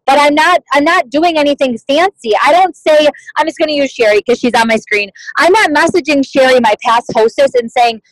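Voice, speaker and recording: A woman with a high, bright-pitched voice runs a motivational team meeting, chatty and casual, peppering her talk with "like" and "you guys". The sound is close and dry, as if from a computer mic on a video call. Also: brisk, hardly any pauses, no room sound, low-quality recording. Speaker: team leader at a sales meeting.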